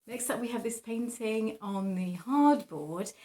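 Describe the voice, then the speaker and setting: A woman's voice: a little high, expressive, measured pace, mellow. Chatty, self-deprecating young woman. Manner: giggly, self-deprecating, hesitant asides. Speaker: painter presenting own artwork. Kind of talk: casual rambling vlog chat.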